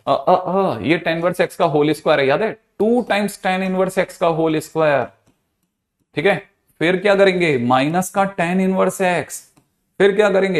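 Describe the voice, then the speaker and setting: A maths teacher with a somewhat high voice runs a live online class. He reads each step aloud and checks in with his students by name. He keeps asking whether the point has landed. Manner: calls out student names, quizzes often, reads steps aloud; speaks Hindi mixed with English maths terms.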